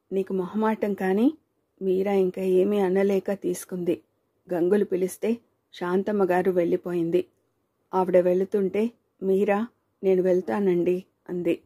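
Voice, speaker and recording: A woman's voice: fairly low pitch, mellow, slightly rough. A woman narrating a story aloud, reading the dialogue of its characters.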